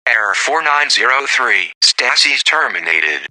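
A man voicing a metallic ship computer that makes slow, flat, calmly insistent announcements. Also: mid-range voice, dry recording, exaggerated voice, low-quality recording. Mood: announcing. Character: monotone metallic pod computer voice.

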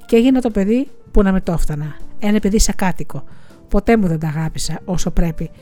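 A woman reading as a widowed village schoolteacher pouring out a bitter, quiet confession in an audiobook. Her voice sits at a middling pitch with a mellow, dark tone, and faint music plays underneath. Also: lightly acted. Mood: confessional. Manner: quiet confessional, tearful, resentful.

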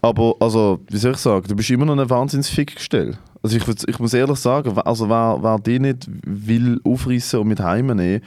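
A man's voice: mid-range voice, a little fast, few pauses, darkish tone, dry recording, clean studio sound. A man co-hosting a podcast, telling a long story in casual banter and cutting into the other speaker. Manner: rambling, interrupts, jokey. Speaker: podcast co-host.

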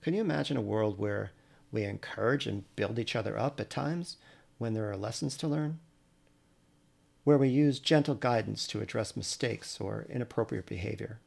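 A man coaching parents in a scripted podcast monologue, earnest and measured as he gives advice. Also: lowish voice, gravelly, darkish tone.

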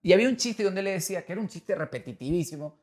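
A man, a comedian telling an anecdote in casual chat, animated and full of restarts. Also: high-pitched, racing. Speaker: comedian and podcast guest.

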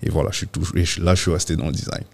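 Interview guest: man, deep low voice, halting, full of fillers. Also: steady tone, gravelly, darkish tone. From Guadeloupe. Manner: hesitant, many fillers and restarts. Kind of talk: casual interview talk.

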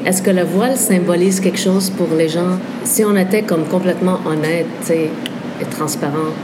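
A Quebec French woman speaks in a low voice, thinking aloud with lots of fillers. She is recorded in a café, and heavy background noise sits under her voice. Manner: thoughtful, lively, frequent fillers. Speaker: interview guest. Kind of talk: casual conversation.

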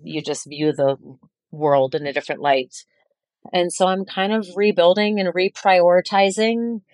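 A woman's voice: lowish voice, dry recording. A woman in her forties, a chef, speaking as a guest in a podcast interview, earnest and reflective and often restarting a phrase. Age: 40s.

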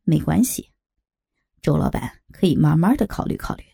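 A woman doing a low, gravelly, cold gang boss. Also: no room sound, studio quality, full character voice. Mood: coolly menacing. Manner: calm, measured threats. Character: cold calm male gang boss, menacing. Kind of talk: audiobook character voice.

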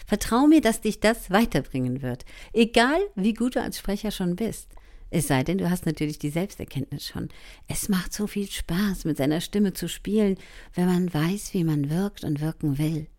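A woman leading a voice training lesson, speaking directly to the listener in an encouraging way, sometimes dropping into soft asides. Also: lowish voice, expressive, moderate pace. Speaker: voice coach.

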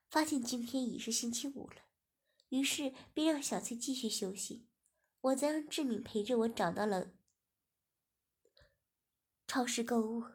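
A woman narrates a story in a steady, even reading voice. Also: fairly high pitch, breathy edge. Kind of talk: scripted narration.

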